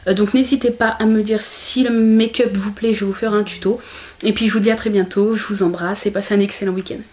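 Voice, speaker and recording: A woman's voice: mid-range voice, fairly even intonation, a little fast, a little mellow, slight background noise. A young woman chatting casually in a makeup haul vlog at home by a window, with many hesitations. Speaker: beauty vlogger.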